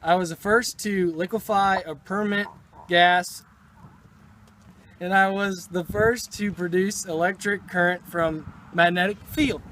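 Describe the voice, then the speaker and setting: A man's voice: high voice, fairly even intonation, a little slow, fairly bright tone, slight background noise, rough recording. Young man playing a proud old chemist. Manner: recited, plain self-introduction. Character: famous 19th-century chemist, man, proud. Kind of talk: school project role-play.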